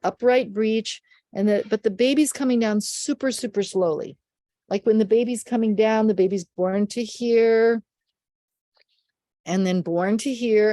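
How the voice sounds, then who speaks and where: An older woman, a midwife, tells a birth story in an animated way and acts out the voices of the people in it. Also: fairly high pitch, dry recording, clean studio sound. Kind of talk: storytelling in an interview.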